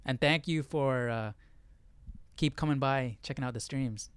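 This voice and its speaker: During a casual Bible study livestream, the male host talks through the session informally and keeps checking in with "right?" His mid-range voice is smooth and a little slow.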